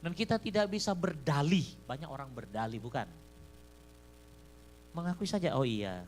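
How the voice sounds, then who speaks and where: A man preaching a sermon, swinging from loud, fervent passages to soft storytelling and repeating a fond address to his listeners. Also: on the high side, lively intonation, normal speed. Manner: repeats "beloved in the Lord" as a refrain. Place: church service. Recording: live stream with faint hum.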